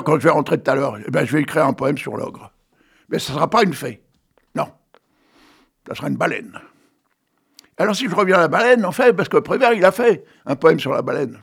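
A man's voice: fairly high pitch, gravelly, husky. A man in his eighties, a radio host who reads poetry and chats with his listeners, full of joking asides and tag questions. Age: 80s. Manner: chatty, joking asides to listeners, many "hein". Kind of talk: casual chat and poetry reading. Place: radio studio with a technician.

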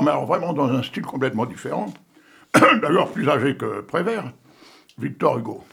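A man in his sixties hosting a poetry session, chatting and joking between readings and reciting verse, with a gravelly, raspy voice. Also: medium pitch, fairly bright tone. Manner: chatty, joking, digressive, coughing now and then. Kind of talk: casual chat and poetry reading.

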